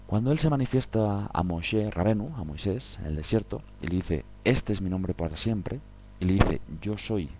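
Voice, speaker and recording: A man's voice: fairly low pitch, warm tone, slight background noise. A man giving an informal Bible study talk, conversational, often checking in with his listeners through tag questions. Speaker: Bible teacher.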